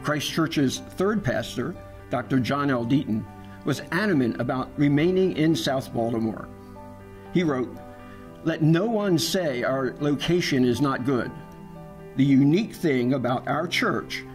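A man giving calm, measured scripted narration for a church history documentary. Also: medium pitch.

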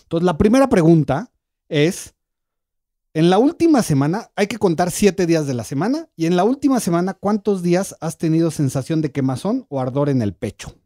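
Doctor, mellow voice, dry studio sound. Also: male voice, a little high, fairly quick, dry recording. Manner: calm, explanatory, walks through a quiz step by step. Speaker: gastroenterologist guest. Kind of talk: explaining on a radio talk show. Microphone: studio microphone.

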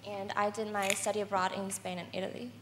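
A young woman from the US, a student panelist answering casually on a hall stage, upbeat and quick to laugh. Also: medium pitch, level tone. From United States. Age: young adult. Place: large lecture hall stage.

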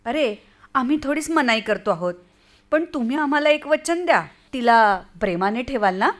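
A woman's voice: on the high side, animated, moderate pace, natural voice. An actress in an old-style radio play as an older mother, firm yet pleading, with emphatic delivery. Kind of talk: radio play acting, old radio show manner.

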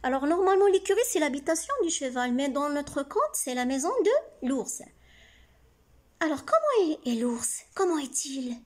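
A woman's voice: high voice, sing-song, moderate pace. A woman teacher reads a tale aloud to children and explains its words. She patiently repeats and rephrases simple words, then asks the class questions and answers them herself.

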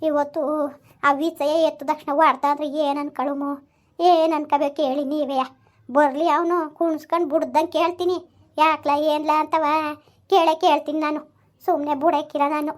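A woman's voice: sits high, little pitch movement, normal speed, close to an everyday voice. A woman playing a coaxing village mother-in-law. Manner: coaxing, repetitive, forceful when threatening her son. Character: scolding but caring village mother-in-law. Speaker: mother-in-law in a family skit, also addresses viewers. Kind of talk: village family drama acting.

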